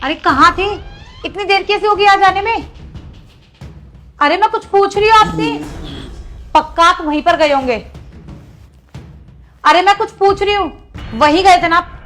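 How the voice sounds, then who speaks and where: A woman's voice: extremely high pitch, a little slow, pauses often, fairly bright tone, soft background music. A woman playing a nagging young wife who scolds her husband and keeps demanding answers. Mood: scolding. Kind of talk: acted family short drama.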